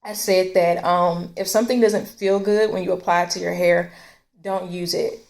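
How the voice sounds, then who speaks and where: A woman's voice: on the low side, steady tone, moderate pace, gravelly, a little mellow. A woman hosting a casual hair care chat, explaining her advice in a conversational way. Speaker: host.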